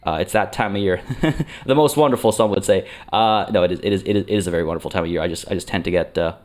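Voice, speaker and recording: This gaming channel host has a low, slightly mellow voice and speaks fast. Feeling a bit under the weather, he chats rambling through a let's play, full of fillers and restarted sentences.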